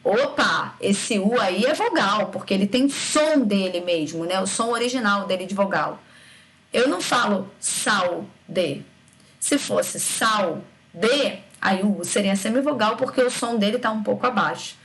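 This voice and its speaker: A woman teaching a recorded grammar lesson, lively, stretching syllables out to demonstrate sounds and checking in with her students often. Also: medium pitch, moderate pace.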